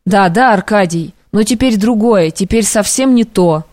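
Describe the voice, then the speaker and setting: Woman narrator doing anxious young male clerk, imploring, halting, audiobook, dry recording. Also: mid-range voice, darkish tone, no room sound, close to an everyday voice. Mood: pleading.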